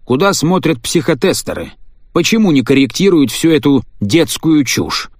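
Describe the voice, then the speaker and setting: A man's voice: on the high side, very animated, normal speed, dry recording, clean studio sound, pitched above the performer's own voice. A man reading the part of a cold, impatient scientist husband in an audiobook, speaking curtly and with contempt. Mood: irritated. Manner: curt, impatient, sneering.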